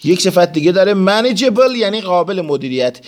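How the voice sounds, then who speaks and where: Man, teacher type, walks the class through word forms one at a time and reads each English phrase slowly before translating it. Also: sits high, big pitch swings. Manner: explains word forms step by step, mixes in English terms. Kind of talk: classroom vocabulary lesson.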